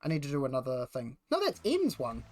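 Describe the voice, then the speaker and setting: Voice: medium pitch, huge pitch swings, fast, darkish tone. Broad New Zealand accent, sex-ambiguous streamer voice. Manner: slangy, rambling, self-interrupting. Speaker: game livestreamer. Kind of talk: casual chat while gaming. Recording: music behind the voice. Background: music.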